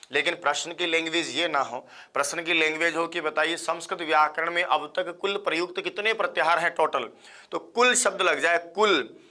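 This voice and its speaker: A man teaching a live online class, quizzing listeners and repeating questions and answers in a fast, chatty way. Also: on the high side, pushed and bright. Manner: fast-paced, chatty, addresses viewers as friends. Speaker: Sanskrit exam teacher.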